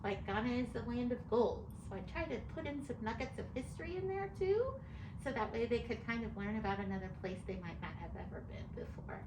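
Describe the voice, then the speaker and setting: Fairly quick and a little high, with big swings in pitch, this middle-aged American woman is an author explaining her points step by step during an interview. She speaks articulately, though the recording carries echo and noticeable background noise.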